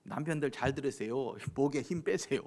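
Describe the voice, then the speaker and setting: A middle-aged Korean man preaching a sermon as pastor, addressing the congregation with questions, chuckling at his own stories, and swinging from quiet asides to loud exhortations. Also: mid-range voice, brisk. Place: church sanctuary at a late-night service.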